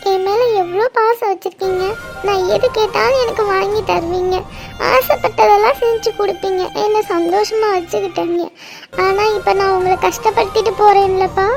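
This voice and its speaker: A woman's voice: very high-pitched, vocal fry. A woman voicing a tender, affectionate young daughter in a cartoon, talking in a pleading way. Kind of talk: cartoon voice acting.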